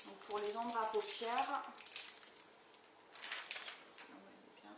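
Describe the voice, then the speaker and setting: A woman's voice: mid-range voice, huge pitch swings, slow pace. Enthusiastic woman unboxing, echoey and distant. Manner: chatty, enthusiastic, many fillers. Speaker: beauty vlogger. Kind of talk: casual product unboxing. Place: indoor room, far from the camera. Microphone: camera mic at a distance. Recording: echoey room, distant mic, background noise.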